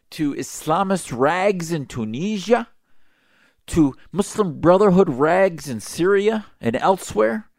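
A man's voice: fairly high pitch, gravelly, dry recording, studio quality. A man hosting a talk radio show, delivering impassioned, emphatic commentary with a sarcastic edge.

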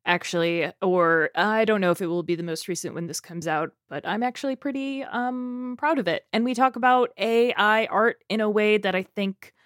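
A woman's voice: mid-range voice, normal speed, hardly any pauses, no echo, studio quality. A woman co-hosting a podcast, chatting casually as she signs off, rambling and restarting her sentences. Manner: rambling, self-interrupting, laughing easily. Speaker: podcast co-host. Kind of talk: casual podcast sign-off chat.

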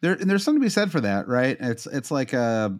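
A man's voice: mid-range voice, sing-song, fast. A man with a Midwestern accent co-hosting a casual football podcast, rambling and joking with lots of fillers and restarts. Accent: American Midwestern. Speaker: podcast co-host.

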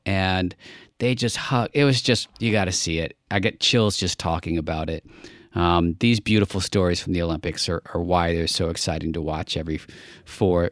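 A man's voice: sits low, fairly bright tone, dry recording, studio quality. A man co-hosting a podcast, chatting casually and earnestly about hopeful news. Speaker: podcast co-host. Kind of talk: casual chat.

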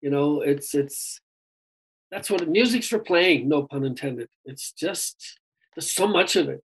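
This man's voice is on the high side and husky, with lively intonation and an unhurried pace. As a singer being interviewed, he keeps things casual, chatty and rambling, dropping "dude" often, though the audio is poor.

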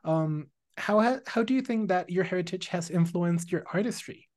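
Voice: medium pitch, moderate pace, a little mellow. An interviewer asking questions and affirming the guest with encouraging remarks. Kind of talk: conversational interview.

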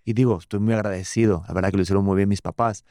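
A man's voice: lowish voice, steady tone, very fast, creaky, warm tone, no echo, clean studio sound. A man, hosting a casual interview, chatty and jokey with many "digo" fillers. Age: 30s. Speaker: podcast host.

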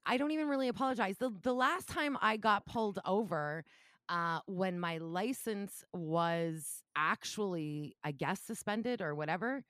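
A woman's voice: mid-range voice, measured pace, no echo, clean studio sound. A woman co-hosting a podcast, telling stories in a casual, laughing way. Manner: laughing, animated storytelling. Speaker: podcast co-host. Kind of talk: casual chat.

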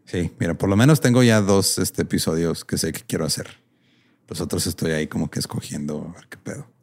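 A young man with a Mexican accent chats on a podcast in a low, deep voice. He talks fast. He jokes a lot and uses plenty of slang. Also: darkish tone. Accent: Mexican Spanish. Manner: quick, slangy, joking. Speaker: podcast co-host. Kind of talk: casual chat.

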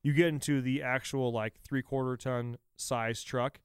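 A man's voice: mid-range voice, fairly even intonation, normal speed, clear, resonant tone, dry recording, studio quality. A man co-hosting a casual talk show, chatting and ranting in a slangy, profane frat-bro manner.

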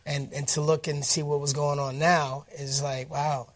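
An animated man from Detroit, speaking as a guest in a relaxed interview. His voice sits fairly high for a man. He talks in an upbeat way, with plenty of fillers and restarts. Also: moderate pace. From Detroit, United States. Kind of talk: casual interview storytelling.

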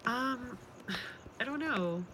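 A woman on a dinner date speaking scripted romantic lines, teasing and quick to laugh. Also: on the high side, animated, background noise.

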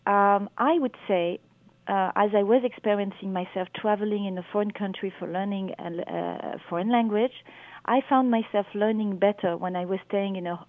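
A woman's voice: mid-range voice, normal speed, no echo. Give me a woman giving advice through a clipped, tinny phone line. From south of France. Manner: chatty, gives advice with many fillers. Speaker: tour guide.

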